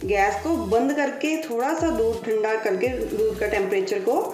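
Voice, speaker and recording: A woman with a high-ish, slightly mellow voice hosts a cooking channel from her home kitchen, giving unhurried step-by-step instructions and patiently repeating each one. The sound is roomy and distant, with faint music.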